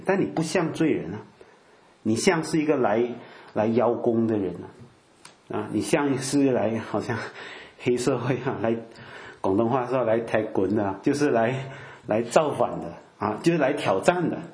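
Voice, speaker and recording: A man's voice: medium pitch, expressive, moderate pace, darkish tone, reverberant. An older man giving a conversational sermon, full of filler particles and acted-out quotes. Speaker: preacher.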